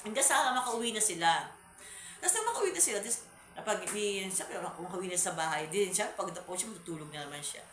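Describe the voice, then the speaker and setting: A woman's voice: mid-range voice, lively intonation, quick pace, fairly bright tone. A woman vlogger telling a horror story in a casual, rambling way, repeating words and restarting. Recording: echoey room.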